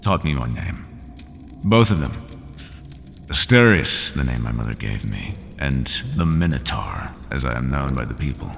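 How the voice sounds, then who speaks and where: Lonely, bitter Minotaur, voiced by a man: very low, gravelly, lively pitch, slow solemn delivery, faint ambient noise. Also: long reverb tail, exaggerated voice. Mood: brooding, bitter. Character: lonely brooding Minotaur, a bull-headed male prisoner. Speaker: ASMR roleplay performer. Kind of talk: ASMR roleplay monologue.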